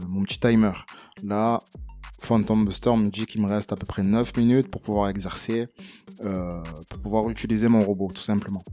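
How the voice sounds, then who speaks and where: A man walking viewers through a casual screen-recording tutorial, chatty and relaxed with plenty of fillers and some self-deprecating humor. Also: lowish voice. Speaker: tutorial creator.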